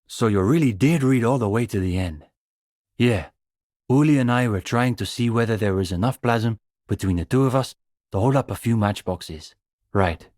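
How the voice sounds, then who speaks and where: A young man voicing an earnest, bookish communist student in a video game, idealistic and a little condescending, speaking in measured, hesitant intellectual phrases. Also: fairly low pitch, darkish tone, no room sound, clean studio sound, close to an everyday voice. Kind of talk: video game character dialogue.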